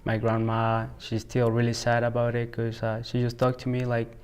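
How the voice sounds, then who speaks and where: Indoors at school, a teenage high school student from El Salvador responds hesitantly to interview questions, his Salvadoran Spanish accent clear and his speech full of "like" and "you know." His voice is monotone yet clear, with a resonant tone.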